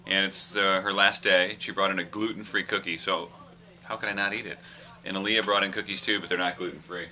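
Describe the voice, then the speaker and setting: A man's voice: deep voice, steady tone, fairly quick, pushed and bright. A man who hosts a radio show, chatting offhand and rambling a bit about his interns. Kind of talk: casual chat.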